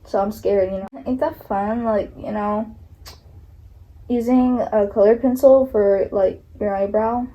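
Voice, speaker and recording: A woman's voice: medium pitch, steady tone, measured pace, dark tone, rough recording. A young woman talking casually and nervously through a makeup tutorial, filling her talk with likes and ums. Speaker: beauty vlogger.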